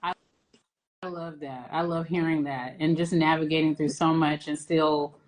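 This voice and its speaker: A woman's voice: low voice, steady tone, normal speed, poor audio. A woman hosting a casual interview, encouraging and affirming her guest. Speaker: interview host.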